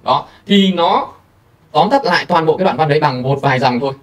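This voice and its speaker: A man hosting a screen-recorded software tutorial, talking casually to viewers with many fillers. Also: fairly high pitch, lively intonation, brisk, recorded from a distance. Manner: chatty, filler-heavy, addresses viewers directly. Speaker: tutorial host.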